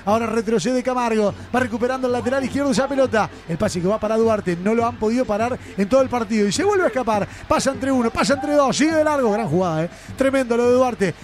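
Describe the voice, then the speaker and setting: Man, Uruguayan accent, very high urgent pitch, live radio football play-by-play, breakneck goal commentary. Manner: breakneck goal commentary, bursting into drawn-out shouted goal calls.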